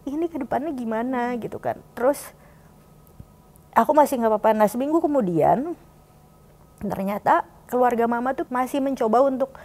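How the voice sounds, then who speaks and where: A young woman with a fairly high voice gives a candid personal testimony in an interview. She tells her story openly and slips into the voices of her family as she quotes them. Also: moderate pace, pauses often, darkish tone. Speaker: guest sharing her faith story.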